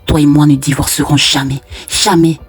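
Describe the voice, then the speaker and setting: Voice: medium pitch, level tone, normal speed, breathy edge, soft background music. A storyteller voicing a vain, cruel, unfaithful husband who talks in a mocking, boastful way.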